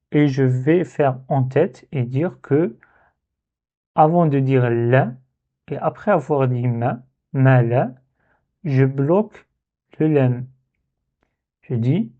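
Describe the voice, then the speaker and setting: A man's voice: mid-range voice, slow, pauses often. A man teaching Arabic letter reading in a step-by-step lesson, patiently repeating syllables to demonstrate. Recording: tinny phone-like sound.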